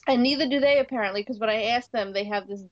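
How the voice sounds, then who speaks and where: A woman's voice: a little high, fast talker, no echo, lo-fi sound. A woman co-hosting a podcast in casual chat, talkative and teasing, often laughing. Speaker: podcast co-host.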